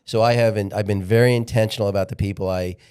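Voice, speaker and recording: A man's voice: fairly low pitch, steady tone, darkish tone, clear, resonant tone. A man of sixty, a podcast guest talking candidly in a casual interview, often restarting his sentences. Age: 60s. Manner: candid, halting, repeats words when restarting.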